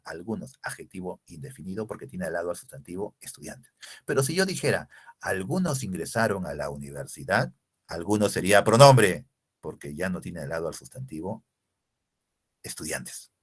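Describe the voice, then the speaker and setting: A man's voice: lowish voice, husky. A man with a Peruvian Spanish accent teaching an exam-prep grammar lesson, emphatic and asking rhetorical checks as he lists examples. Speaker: language teacher.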